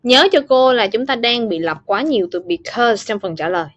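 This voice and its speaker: A woman's voice: fairly high pitch, lively intonation, moderate pace, no echo. A woman with a Vietnamese accent teaching an online class, calling on students by name and explaining phrases. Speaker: English teacher. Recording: dull, lo-fi, dry call audio.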